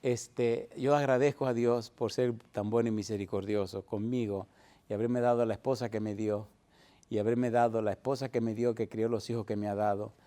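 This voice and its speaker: Male pastor firing rhetorical questions. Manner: repeated rhetorical questions to congregation; builds to loud, high emphatic peaks. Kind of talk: sermon.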